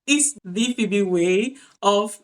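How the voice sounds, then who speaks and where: A woman's voice: mid-range voice, extremely slow. Upbeat woman host, casual chat, fillers. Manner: chatty, upbeat, many fillers. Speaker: podcast host.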